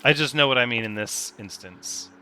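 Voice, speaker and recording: A man's voice: mid-range voice, normal speed, bright, forceful tone. A man giving casual gameplay commentary, thinking aloud, counting pieces and joking with himself as he builds.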